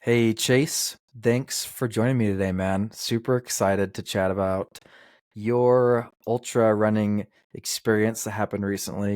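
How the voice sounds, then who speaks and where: A man's voice: fairly low pitch, darkish tone, no room sound. A male podcast host who reads an ad with enthusiasm and chats with a guest in a casual, upbeat way. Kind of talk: podcast interview and ad read.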